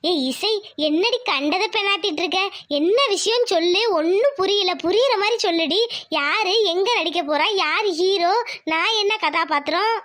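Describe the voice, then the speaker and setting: A woman's voice: very high-pitched, moderate pace, a bit bright. A woman voicing a talkative middle-aged village aunt who weaves brooms and teases her niece. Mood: teasing. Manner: teasing, talkative.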